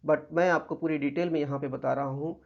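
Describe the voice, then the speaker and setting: A man with an Indian accent teaching a grammar lesson, patiently explaining slides and reading English examples slowly. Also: on the high side, fairly even intonation, gravelly. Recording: muffled lo-fi recording.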